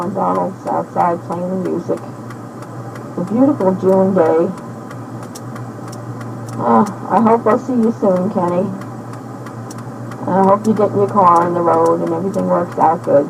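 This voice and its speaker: Recorded on an old cassette tape with a noisy background, a woman in her sixties rambles through a personal audio diary. Her fairly low, creaky voice moves slowly and haltingly, with many pauses and fillers.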